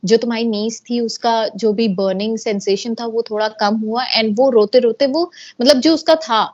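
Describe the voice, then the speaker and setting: A woman's voice: a little high, moderate pace, a little mellow, dry recording, muffled recording. A woman hosting a casual chat, asking questions and mixing English into her talk. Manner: conversational, asks questions, mixes English into Hindi.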